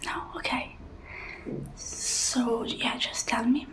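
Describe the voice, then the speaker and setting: A woman in a whispered role-play as a helpful librarian, speaking in a hushed, breathy whisper. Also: fairly high pitch, fairly even intonation, takes it slowly. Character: helpful soft-spoken female librarian suggesting books.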